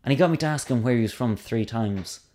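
A man's voice: medium pitch, fast, a little mellow. A man, a stand-up comedian, chatting casually on a podcast in a hesitant, self-deprecating way, often trailing off mid-sentence.

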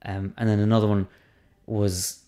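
Man, low-pitched, hesitant, self-deprecating, casual podcast chat. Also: level tone, normal speed, warm tone. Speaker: stand-up comedian.

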